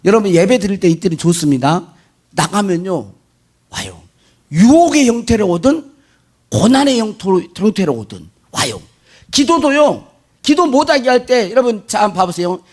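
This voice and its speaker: A male pastor delivering an animated sermon, firing rhetorical questions at the congregation and mimicking worshippers' prayers. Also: high-pitched, normal speed.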